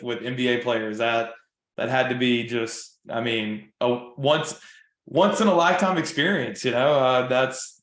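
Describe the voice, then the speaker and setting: Chatty podcast host in an echoey room. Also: male voice, medium pitch, fairly bright tone. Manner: friendly and chatty, with many fillers and restarts. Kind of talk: casual interview chat.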